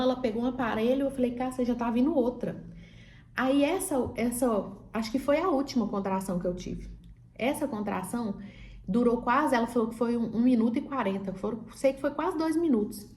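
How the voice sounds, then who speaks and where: Fairly high and a touch mellow, her voice moves briskly as she shares her birth story. The vlogger keeps it chatty and casual, reenacting the dialogue with many fillers.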